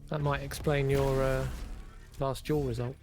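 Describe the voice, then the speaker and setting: A man's voice: mid-range voice, little pitch movement, measured pace, a little mellow, soft background music. A man casting a live esports match in a wry, understated, polite way. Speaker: esports caster and event host. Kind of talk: live game commentary.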